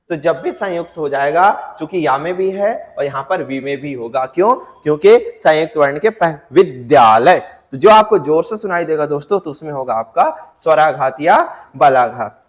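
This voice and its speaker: A male teacher giving an exam-prep grammar lecture, asking his students questions and answering them himself, and drawing out example words slowly to show stress. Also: a little high, big-room sound. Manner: addresses students as friends, asks and answers own questions.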